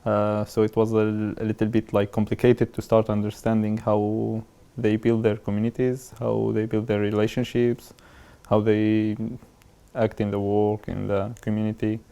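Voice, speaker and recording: A man, talking haltingly in a documentary interview. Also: fairly low pitch, completely flat delivery, vocal fry, dark tone, clean tone. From Syria. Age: 20s. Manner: halting, searching for words with many fillers.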